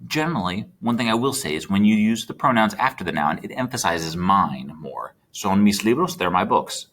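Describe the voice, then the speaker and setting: In a recorded Spanish class, a man talks with students as he types, chatting freely and pausing to check on them. His lowish voice is expressive and fairly bright, moving at a moderate pace.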